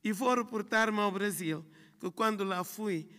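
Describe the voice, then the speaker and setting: In a large literary festival hall filled with long reverb, a Guinea-Bissau woman on a writers' panel reads her speech. Her medium-pitched voice has a slight brightness and a Guinea-Bissau Portuguese accent, and she moves thoughtfully and steadily through rhythmic lists of phrases.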